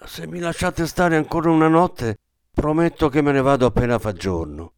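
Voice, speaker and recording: A man's voice: on the high side, normal speed, clear, resonant tone, no room sound, studio quality, voice pushed up, natural voice. Humble, polite young drifter voiced by a male narrator in a storybook reading, earnest and plain. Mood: pleading.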